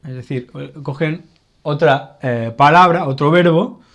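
Spanish man teaching with a slightly high voice. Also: unhurried. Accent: Spanish from Spain. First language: Catalan. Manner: explanatory, checks in with frequent "vale". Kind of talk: casual grammar lesson.

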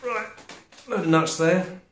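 A man in his forties talks casually to camera in an echoey glazed room with noticeable noise behind him. His delivery is halting, with muttered remarks between mouthfuls, in the manner of a homemade food review. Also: sits high, a bit bright. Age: 40s. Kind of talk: casual snack tasting chat to camera. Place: small glazed conservatory. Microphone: camera a short distance away. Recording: roomy echo, clear background noise.

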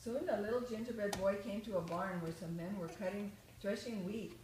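Grandmother storyteller, expressive and rhythmic, echoey room with light hiss. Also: medium pitch, fairly quick. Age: older. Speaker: grandmother reading aloud. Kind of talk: reading a children's story aloud. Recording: echoey room, faint noise.

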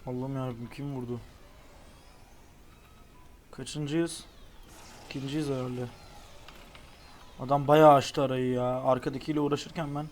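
A young man giving casual, excitable commentary while playing a racing game online. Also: mid-range voice, a little slow, long pauses, slight background noise. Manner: excitable, exclaims at near misses. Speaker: gaming YouTuber.

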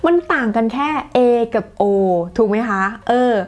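A woman's voice: on the high side, lively intonation, soft background music. Chatty woman teaching pronunciation. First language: Thai. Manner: chatty, models words slowly and clearly. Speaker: English teacher. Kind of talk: casual pronunciation lesson.

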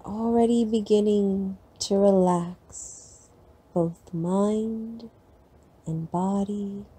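A woman leading a guided sleep meditation in a slow, soft, soothing way with long pauses. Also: mid-range voice, fairly even intonation, husky.

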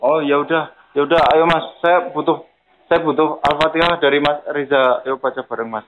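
A man with a slightly high, steady voice speaks at a normal pace against a noisy background. He's a prank caller on the phone, acting the part of a grateful victim, polite and insistent as though pleading.

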